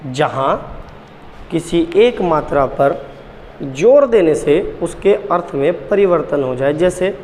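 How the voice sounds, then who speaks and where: A man's voice: fairly high pitch, lively intonation, slow, darkish tone, big-room sound, slight background noise. A man teaching Hindi grammar at a board, repeating key points and quizzing the class with questions. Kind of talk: blackboard lesson.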